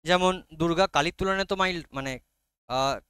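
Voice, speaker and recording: Bengali-accented male teacher, bright crisp tone, coaxing and patient, reads English lines slowly. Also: on the high side, dry recording. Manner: coaxing, checks often if students follow. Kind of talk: explaining a literature lesson to students.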